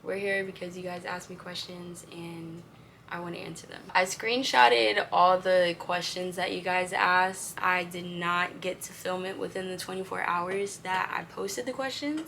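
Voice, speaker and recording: A woman's voice: fairly low pitch, steady tone, normal speed, gravelly, sharp tone, slight background noise. A young adult woman chatting casually to her followers in a laid-back, slangy stoner way, as a vlogger. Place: inside a parked car, later a room at home.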